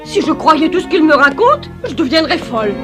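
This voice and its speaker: Cartoon aunt: very high, animated, motherly but bossy and exasperated. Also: moderate pace, over loud music. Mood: matter-of-fact, grateful. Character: scolding, motherly aunt raising a mischievous boy. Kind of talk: French dubbed cartoon acting.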